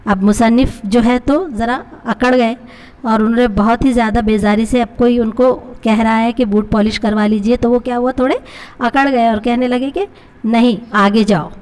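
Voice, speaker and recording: Woman, Pakistani accent, teacher, explaining a story lesson, fairly high voice. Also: fairly even intonation, darkish tone, smooth. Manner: explains each line with questions to pupils. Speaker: Urdu teacher.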